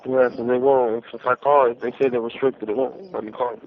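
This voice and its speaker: A man calling from a jail payphone, chatting in a halting way that repeats itself, his voice muffled and distant on the line. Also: mid-range voice, flat delivery, vocal fry. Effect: calling over a jail payphone line. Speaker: jail inmate calling home. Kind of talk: casual phone chat.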